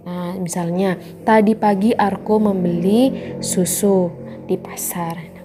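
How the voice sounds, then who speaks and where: Mellow-voiced woman teacher explaining a lesson. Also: medium pitch, husky. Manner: explains step by step with frequent "nah", reads examples aloud. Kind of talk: recorded class lesson.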